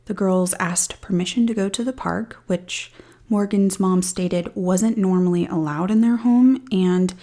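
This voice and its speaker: A woman's voice: medium pitch, measured pace, dark tone. A woman hosting a true crime podcast, retelling a case with dry, sarcastic asides. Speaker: podcast host. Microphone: studio-style podcast mic.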